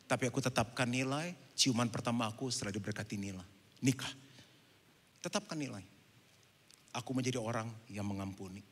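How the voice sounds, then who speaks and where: A middle-aged man preaching a sermon as pastor at a church service, telling lively stories and mixing English phrases into his talk. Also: mid-range voice, brisk, pauses often. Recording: long church-hall reverb.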